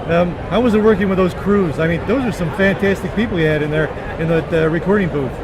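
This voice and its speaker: Goofy high-pitched puppet interviewer, a man acting. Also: fast talker, noisy background, lightly acted. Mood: eager, fannish. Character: excitable male sock puppet interviewer, gushing fan.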